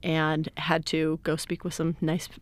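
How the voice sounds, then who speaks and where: A woman in her thirties speaks as an interview guest, explaining things at length in a cheerful, easygoing way. Her voice is smooth and clear. The recording is close and dry, with no room sound. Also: low-pitched, monotone, a little slow, no room sound. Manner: upbeat, laughs easily, explains at length. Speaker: guest, IT director. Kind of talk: casual interview conversation.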